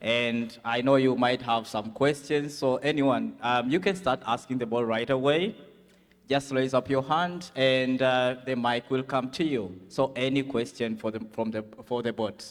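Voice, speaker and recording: A man hosts a conference session at an unhurried pace, his voice smooth and clear. He keeps things loose, with fillers and questions to the crowd. The sound rings with the long reverb of a large hall. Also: medium pitch. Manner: relaxed, filler-heavy, audience-prompting. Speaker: session moderator.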